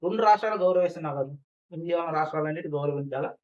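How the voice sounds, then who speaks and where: A man's voice: fairly high pitch, very fast, lo-fi sound. A man giving heated, repetitive commentary on an online dispute, lecturing his viewers. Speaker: YouTube commentator. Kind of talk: reaction commentary.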